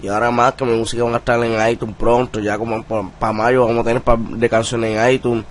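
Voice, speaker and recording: A man's voice: medium pitch, level tone, a little fast. A young man from Puerto Rico with a Puerto Rican accent, a rapper answering interview questions in streetwise slang, with many filler words. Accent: Puerto Rican Spanish. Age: young adult. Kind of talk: casual interview talk.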